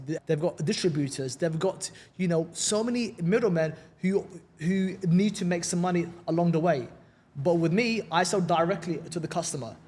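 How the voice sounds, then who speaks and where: Here a London man with a matching accent appears as a casual podcast guest, chatting in an upbeat way. His voice is a little high, husky, and darkish in tone, and he often repeats words when starting sentences.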